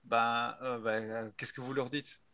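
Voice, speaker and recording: A man with a mid-pitched voice plays a tabletop role-playing game. He talks casually and bluntly, and the sound is dry with no room echo. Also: flat delivery, unhurried, pushed and bright, muffled recording.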